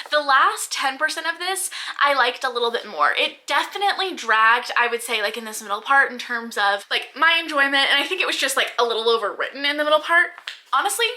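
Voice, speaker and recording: This book vlogger is a young woman with a bright, high voice, talking fast and animatedly to her camera at home about what she's been reading. Captured on the camera's built-in mic, her chatty rambling is packed with tangents and the filler "like."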